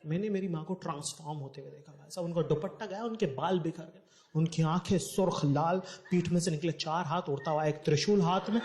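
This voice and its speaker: A man telling a family story in stand-up, animated, dropping to hushed tones and rising loud. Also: on the high side, fairly quick. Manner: animated, acts out voices, shifts between hushed and loud. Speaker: stand-up comedian. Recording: echoey stage with faint noise.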